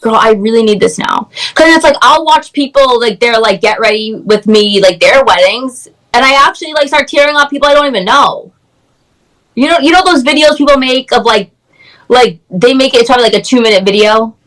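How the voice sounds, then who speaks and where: A woman's voice: on the high side, fairly quick, rough recording. Gushing woman guest on a video call. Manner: excited, gushing, heavy use of "like". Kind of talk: casual chat.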